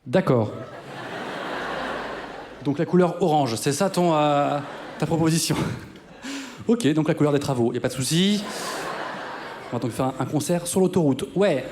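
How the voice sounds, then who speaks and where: A man's voice: a little high, moderate pace, pauses often, background noise. A man in his thirties doing live stand-up comedy on a theater stage, chatting with the audience and mocking himself. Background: guitar music.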